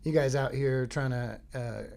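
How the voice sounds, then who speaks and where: A gravelly, darkish mid-range voice belongs to a middle-aged Floridian hosting a podcast from his home studio, in no hurry. His comic monologue meanders, with jokes, self-interruptions, goofy singing, and impressions.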